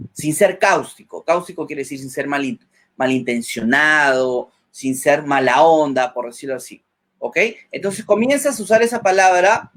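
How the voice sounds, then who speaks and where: A man giving public speaking advice as a webinar guest, checking in with "ok?" after nearly every point and acting out short example lines. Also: fairly high pitch. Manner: acts out example lines in a changed voice.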